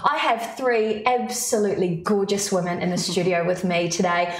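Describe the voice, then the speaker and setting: A woman's voice: fairly low pitch, fairly even intonation, normal speed. Bubbly New woman hosting. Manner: bubbly, enthusiastic. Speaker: host. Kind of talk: live studio chat show. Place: studio. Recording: echoey studio, faint noise.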